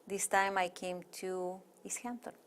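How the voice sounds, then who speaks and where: A middle-aged Chilean woman, a native Spanish speaker with a Chilean Spanish accent, appears as an interview guest. She talks in a chatty, rambling way full of fillers, her mid-range voice keeping a steady tone at a measured pace.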